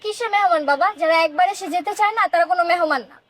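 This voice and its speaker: An actress playing a fed-up, hot-headed young daughter who complains indignantly. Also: female voice, very high voice, racing, fairly bright tone. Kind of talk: TV drama acting.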